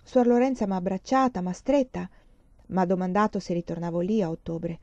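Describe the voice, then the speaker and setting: A woman's voice: fairly low pitch, normal speed, mellow, no room sound, dull audio, natural voice. A woman reading an impulsive young woman's letter. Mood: emotional.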